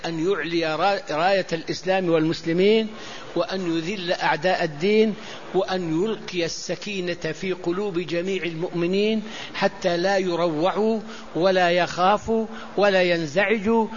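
Preacher type: man, high voice, animated storyteller, dull lo-fi sound with faint background hiss. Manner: animated storytelling with recited verses. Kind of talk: sermon. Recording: dull lo-fi recording.

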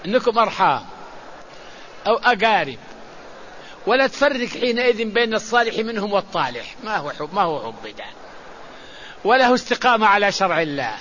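An older man giving a religious lecture, halting and repeating words, his voice rising as he exhorts. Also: sing-song, bright, forceful tone. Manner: halting, repeats and restarts words, rises in pitch when exhorting. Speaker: religious preacher. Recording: dull lo-fi recording with faint hiss.

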